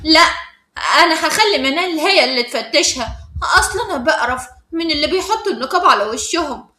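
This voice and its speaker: A woman with an Egyptian accent voicing a spiteful, scheming teenage schoolgirl with a sneering, shrill way of talking. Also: expressive, fast, pushed and bright, roomy sound. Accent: Egyptian Arabic.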